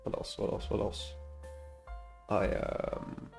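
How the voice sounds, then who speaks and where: An indie game developer presents a devlog in a slightly congested male voice with a darkish tone, speaking slowly over soft background music. His commentary is casual and unscripted, rambling hesitantly and often trailing off mid-thought.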